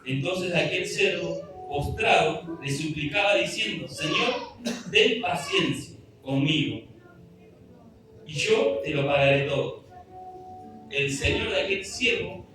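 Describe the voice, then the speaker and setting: A man preaches a sermon in an earnest, pleading way, his voice sitting a little high. He sounds far from the mic in a strongly echoing hall, with music clearly playing behind him. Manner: earnest, pleading, reads scripture aloud. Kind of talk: sermon with scripture reading. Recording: echoey room, distant mic, music behind.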